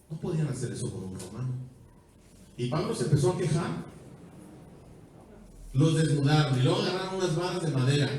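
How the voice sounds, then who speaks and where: A man with a Mexican accent preaching a sermon, quizzing the congregation and joking, moving between loud and quiet. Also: mid-range voice, a little hiss or hum. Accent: Mexican Spanish. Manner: asks the congregation questions, jokes, swings from loud to soft. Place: church hall. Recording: echoey hall, voice from far off.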